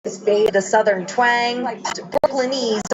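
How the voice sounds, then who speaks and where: High-voiced woman news reporter. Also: very slow. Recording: muffled broadcast with crowd behind.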